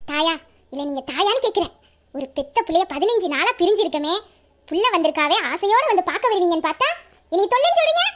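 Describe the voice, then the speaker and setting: A woman's voice: extremely high pitch, lively intonation, fast, a bit bright. A woman plays a cheeky young woman back home after her hostel stay. She teases and complains playfully in a voice-acted family skit. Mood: teasing. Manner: playful, teasing, whiny complaints.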